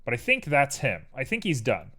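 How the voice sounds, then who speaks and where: A man's voice: medium pitch, wildly swooping pitch, moderate pace, bright, forceful tone, husky. A young man streaming while he 3D models, muttering to himself in a playful, rambling way. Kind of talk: casual livestream commentary while 3D modeling.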